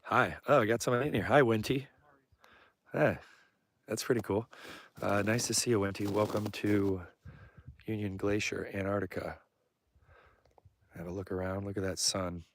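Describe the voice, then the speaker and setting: A man's voice: on the low side, fairly even intonation, normal speed, pauses often, dry recording. A man speaking in a casual, rambling live vlog, informal and self-deprecating, drifting between thoughts as he goes. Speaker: filmmaker live-streaming as a vlogger. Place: outdoors on snow and ice at an Antarctic camp. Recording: clear outdoor background noise.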